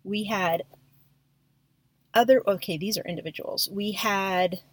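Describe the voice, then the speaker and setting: A woman's voice: medium pitch, steady tone, measured pace, no echo, far from the mic. A woman co-hosting a podcast, talking casually and effusively as she reads from a list, with computer mouse clicks behind her. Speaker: podcast co-host.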